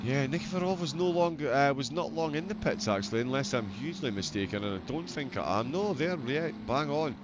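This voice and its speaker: A man's voice: medium pitch, animated, a little fast, hardly any pauses, dull audio. Broad Scottish man commentating over car noise. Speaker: sim racing livestream commentator. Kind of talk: live motorsport commentary.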